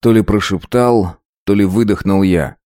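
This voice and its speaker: A man narrating a first-person story in a measured, dramatic reading. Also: deep voice, dark tone, dry recording, studio quality.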